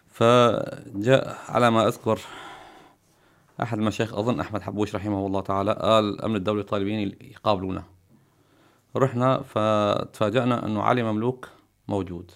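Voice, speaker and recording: A man's voice: lowish voice, steady tone, fast, gravelly. A middle-aged man with a Syrian Arabic accent, a podcast guest earnestly recounting memories.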